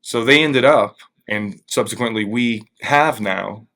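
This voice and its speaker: A man speaking as an interviewed museum staffer, explaining things thoughtfully and carefully in a halting, hesitant way. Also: mid-range voice, pushed and bright.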